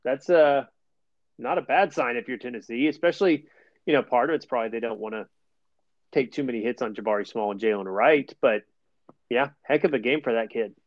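A podcast host runs through scores and stats in casual sports chat, easygoing and wry. His medium-pitched voice moves fairly quickly. The audio sounds dull, with no room sound at all.

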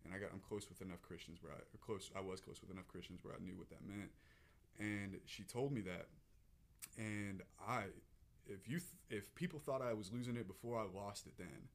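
A man's voice: lowish voice, a little fast. A man, telling a personal story as a podcast guest, earnest and emotional, often restarting his sentences.

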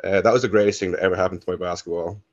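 Young Irish guy, low voice, relaxed chatty storyteller, on a dull dry line. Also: very fast, no echo. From Ireland. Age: young adult. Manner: rambling, self-correcting, laid-back. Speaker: guest. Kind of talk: casual interview storytelling.

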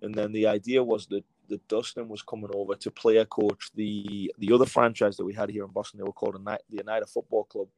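Low-voiced English rugby coach, dry sound. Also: male voice, level tone, fast talker, hardly any pauses, a little mellow, no room sound, rough recording. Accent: English with a slight American tinge. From England. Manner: rambling, with many fillers and restarts. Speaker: guest, rugby league coach. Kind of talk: relaxed storytelling interview answers.

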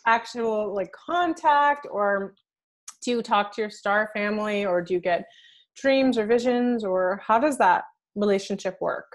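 A woman's voice: medium pitch, a little slow. A woman hosting a casual spiritual interview, eager and affirming, often laughing along. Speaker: host.

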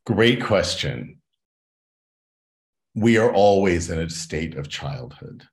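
In an interview conversation, a man speaking as an educator and consultant comes across earnest and reflective, frequently checking in with "right?". His low voice is sing-song, and he takes his time.

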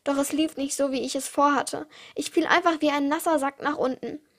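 High-voiced teen girl reading her stories. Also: fairly even intonation, fairly quick, fairly bright tone. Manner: reads with small slips and restarts, uneven pace. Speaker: podcast host reading her own stories. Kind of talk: reading self-written stories aloud.

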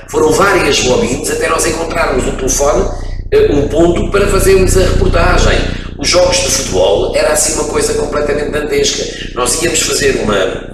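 A middle-aged radio broadcaster from France, a native French speaker with a European Portuguese accent, reminisces as a guest in a casual, relaxed interview, telling long, expansive stories and pausing often to gather his thoughts. His slightly high voice is recorded from a distance in a very echoey room, with a clear background hum under his speech.

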